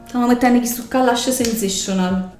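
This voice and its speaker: A woman's voice: on the high side, normal speed, noisy background. Neapolitan young woman, roomy sound. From Naples area, Italy. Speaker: beauty vlogger doing her mother's makeup. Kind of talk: casual makeup tutorial chat in dialect. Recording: roomy echo, music behind.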